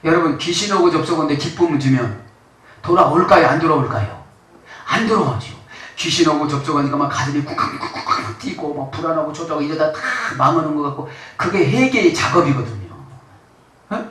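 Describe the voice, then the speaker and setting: A man's voice: on the high side, animated, brisk, fairly bright tone. A male pastor preaching a sermon, constantly checking in with the congregation through short questions and rhetorical prompts. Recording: very echoey room, mic far off.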